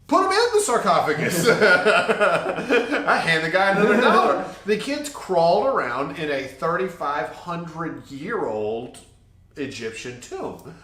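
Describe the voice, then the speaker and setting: A man's voice: sits high, very animated, slow pace, sharp tone. Jokey guy rambling thru a travel story, laughs a lot, echoey room. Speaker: podcast co-host.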